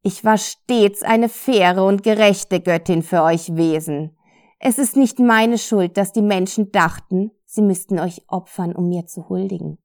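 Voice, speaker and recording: A woman's voice: medium pitch, a little slow, darkish tone, natural voice. A woman voicing a haughty, scheming female cat goddess in an audiobook, imperious and coaxing in turn.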